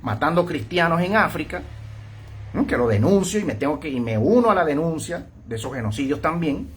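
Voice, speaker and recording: Husky, confrontational preacher man. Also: medium pitch. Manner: confrontational, repeatedly addresses listener with "¿mm?" and "¿ah?"; mocks opponents by acting out their voices. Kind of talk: online sermon monologue.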